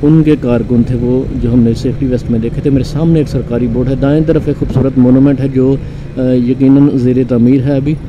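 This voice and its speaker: This calm Pakistani motorcycle vlogger narrates his motorbike ride on an outdoor city road in a mid-range voice, unhurried and pausing with frequent fillers. Road and traffic noise fill the dull, lo-fi recording.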